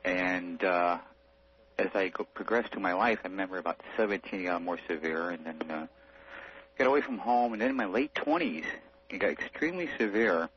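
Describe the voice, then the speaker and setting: A low-voiced man speaking at normal speed phones in to a radio show and tells a personal story in an earnest, rambling, casual way. The telephone line sounds muffled, with faint hum and noise.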